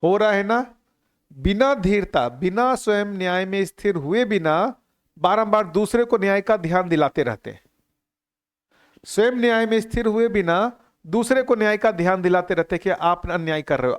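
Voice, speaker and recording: A man's voice: high voice, animated, moderate pace. A middle-aged man giving an earnest talk to a live group, asking questions and repeating his key phrases. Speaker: teacher of a value-education course.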